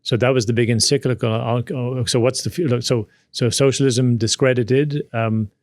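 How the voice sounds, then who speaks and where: A man's voice: mid-range voice, steady tone, moderate pace, dry recording, studio quality. A man of around sixty with a Maltese accent, speaking conversationally as an interview guest and telling personal stories in a self-deprecating way. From Malta. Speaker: podcast guest.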